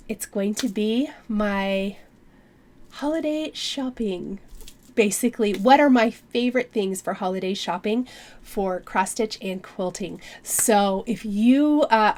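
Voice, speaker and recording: A woman vlogging about her stitching in a casual, chatty way, slightly nasal from a cold, with lots of ums. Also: a little high. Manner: chatty, friendly, many fillers. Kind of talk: casual chat to camera.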